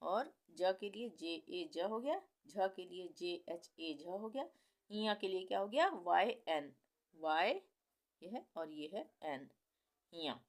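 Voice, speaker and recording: A woman teaching the alphabet in a slow, patient way, spelling out sounds and repeating each one. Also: on the low side, animated. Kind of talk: Hindi alphabet lesson at a board.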